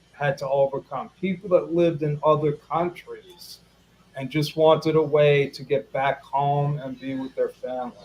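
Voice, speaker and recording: A man's voice: fairly high pitch, darkish tone, low-quality recording. A man hosting a casual live interview, chatty, repeating himself and talking to viewers as folks. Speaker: interview host.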